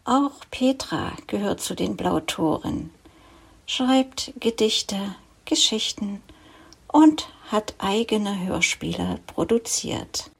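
A woman presenter introducing authors and stories in a measured way. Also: mid-range voice, expressive, creaky, slightly rough. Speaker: program presenter.

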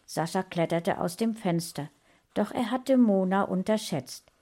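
A woman reading a fantasy story aloud in an even storytelling manner. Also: medium pitch, a little slow. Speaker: audiobook reader.

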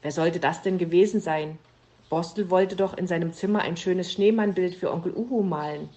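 A woman narrating a children's story with an expressive reading manner. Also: lowish voice, moderate pace.

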